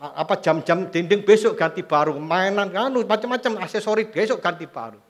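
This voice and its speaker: High-voiced pastor preaching with lively humor. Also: male voice, fairly quick. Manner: animated storytelling with quoted voices and humor. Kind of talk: sermon.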